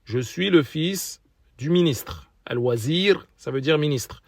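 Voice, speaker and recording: A man gives a recorded Arabic lesson at a deliberately slow pace, repeating each word for his learners. His voice sits a little high for a man. The sound is dry and close, with no room echo. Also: lively intonation. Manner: patient, repeats words slowly for learners. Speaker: Arabic teacher.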